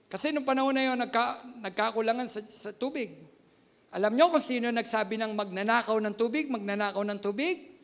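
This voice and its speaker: A male pastor telling a personal story in a sermon, animated and laughing at himself as he acts out what people said. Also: extremely high pitch, fairly quick, gravelly. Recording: long reverb of a large hall.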